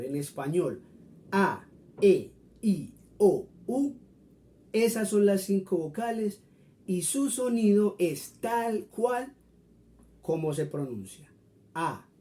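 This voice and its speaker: A man's voice: high voice, mellow. A man teaching a friendly Spanish lesson, patiently explaining and repeating example words for his viewers.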